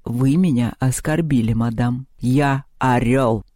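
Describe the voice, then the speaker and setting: A man voicing a pompous, gallant male eagle in a storybook reading, speaking slowly and grandly. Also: warm tone, dry recording, studio quality, close to an everyday voice. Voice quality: slow, deep, theatrical.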